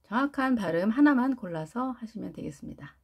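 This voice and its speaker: A woman teaching English pronunciation in Korean, repeating each word slowly and stressing syllables. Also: a little high, animated, slightly rough. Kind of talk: pronunciation lesson with drilled repetitions.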